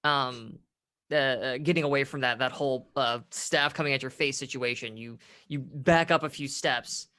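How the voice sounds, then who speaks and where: Guy game master, really bright forceful voice, improvising the scene as he goes. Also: mid-range voice, fairly even intonation, moderate pace, smooth. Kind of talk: casual improvised game narration.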